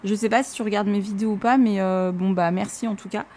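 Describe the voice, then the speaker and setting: A young woman from France chatting casually to camera in a vlog, animated and full of fillers. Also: medium pitch, fast. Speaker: vlogger. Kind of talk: casual unboxing chat to camera.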